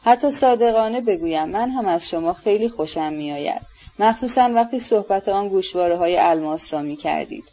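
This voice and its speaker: A meek, sincere young prince, voiced by a woman in an audiobook, speaking low, soft and courteous. The tone is dark and mellow, with a dull lo-fi recording. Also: expressive, a little hiss or hum, close to an everyday voice. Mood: gentle.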